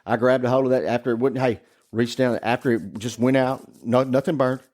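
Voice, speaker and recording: A man's voice: mid-range voice, steady tone, brisk, darkish tone. A man telling a ghost story in casual chat, rambling and cursing, laughing as he goes. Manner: rambling, profane, laughing through his story.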